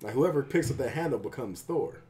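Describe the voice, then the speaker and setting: Podcast co-host, male, measured and hesitant explainer, varied intonation. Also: medium pitch, animated, a little mellow. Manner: thoughtful, hesitant, many fillers, explains points. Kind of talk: casual chat.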